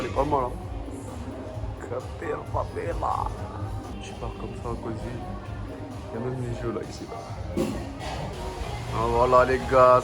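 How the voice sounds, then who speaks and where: A young man vlogging casually in French suburban street slang with an urban street accent, talking to viewers like mates. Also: medium pitch. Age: young adult. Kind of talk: casual travel vlog. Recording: noisy handheld vlog with ambient vehicle noise.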